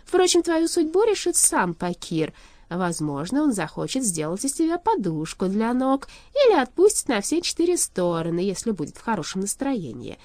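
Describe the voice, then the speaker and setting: A lordly shadow king, as a woman narrator puts him on, cold and gloating in a storybook reading. He talks slowly and loudly, with a pitch that swoops up and down. The tone is mellow, in a dry, close room. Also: sing-song, no echo, close to an everyday voice. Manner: slow, loud, lordly.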